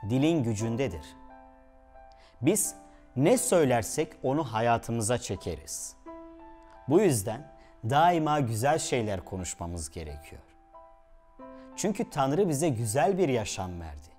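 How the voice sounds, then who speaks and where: A man tells a moral tale as the host of a brief devotional program, taking his time and letting his pitch rise and fall expressively. He acts out the shouts in the story. Faint music plays underneath him. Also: big pitch swings, unhurried, pauses often.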